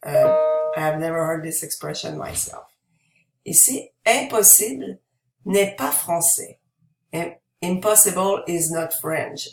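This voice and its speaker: Slow, roomy-sounding woman teaching French. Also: low-pitched, vocal fry. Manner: slow, deliberate modeling of words, switching between French and English explanations; frequent "ok?" checks and "euh" fillers. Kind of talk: recorded pronunciation tutorial. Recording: roomy, distant mic.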